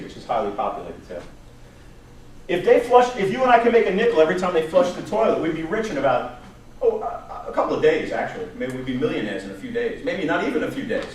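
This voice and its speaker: A man from Long Island with a Brooklyn New York accent, slightly high-voiced, gives a casual staff-meeting talk as a job search instructor. He tells stories animatedly, acts out quotes, asks rhetorical questions, and chuckles. It's recorded from a distance in an echoey indoor meeting room with background noise.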